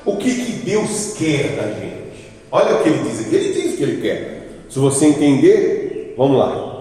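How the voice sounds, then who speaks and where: A man preaching a sermon, emphatic and animated, firing off rhetorical questions and acting out little exchanges. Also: a little high, moderate pace. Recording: echoey hall, voice from far off, faint music.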